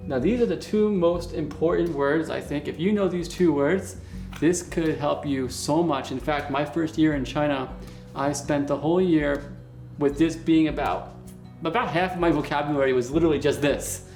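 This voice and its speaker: A man leads a beginner Mandarin lesson at a whiteboard, sounding upbeat and encouraging. He often asks "okay?" and repeats words slowly for his learners. His voice sits fairly high with a slightly mellow quality, and faint music plays in the background.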